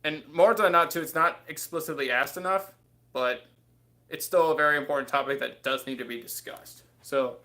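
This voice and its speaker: Rambling into a nearby desk webcam, this thirties-aged livestream host chats casually from a small bedroom, piling on fillers and the word "too." He sounds a little high-pitched, brisk, bright and forceful.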